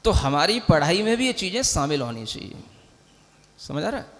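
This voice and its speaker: High-voiced monk preaching in a reverberant hall. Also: male voice, sing-song, normal speed, fairly bright tone. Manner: teaching, keeps asking listeners if they understand; mixes English words into Hindi speech. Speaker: Jain monk giving a discourse. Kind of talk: sermon.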